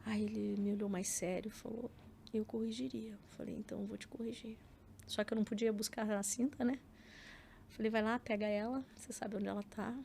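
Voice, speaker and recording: A little hiss or hum sits under a woman's dark-toned, high-leaning voice with vocal fry. She's a middle-aged Brazilian with a Brazilian Portuguese accent, a podcast guest telling a personal story in relaxed interview chat, acting out what people said and using frequent fillers.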